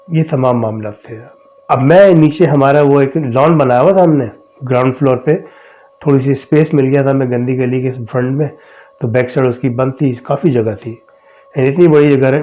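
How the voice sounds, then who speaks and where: A man's voice: medium pitch, mellow. A middle-aged man hosting a podcast, casually telling his own experiences and retelling conversations with frequent "I said". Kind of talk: casual personal storytelling. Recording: dull lo-fi recording.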